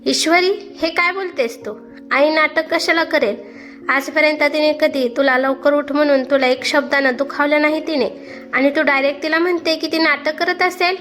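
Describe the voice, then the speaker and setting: A woman's voice: high voice, flat delivery, moderate pace, faint music behind, lightly acted. A woman voicing a hardworking young farmer husband who scolds his wife sharply, in a storybook reading. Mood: scolding. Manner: stern and scolding.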